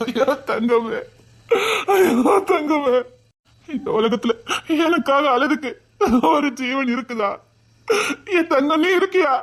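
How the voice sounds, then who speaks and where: A man's voice: very high-pitched, normal speed. An actor with a Tirunelveli Tamil accent playing a heartbroken young man, a loving uncle who sobs and pleads tenderly. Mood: tearful, tender. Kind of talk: web series melodrama acting.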